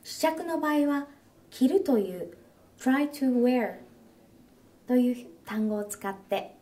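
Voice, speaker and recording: A woman narrates a phrase lesson at a very slow, deliberate pace, saying each phrase twice with care. Her voice is mellow and fairly high. She sounds set back a little from the mic. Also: lively intonation, recorded from a distance. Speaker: phrase instructor. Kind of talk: scripted instructional narration.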